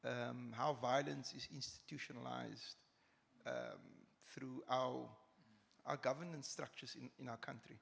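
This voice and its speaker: A man, speaking as a panel guest at a festival, reflective and halting. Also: medium pitch, steady tone, gravelly, fairly bright tone. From Cape Town, South Africa. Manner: reflective, halting, with many restarts. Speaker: panel guest, criminology academic. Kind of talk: live panel discussion. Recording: hall with long reverb.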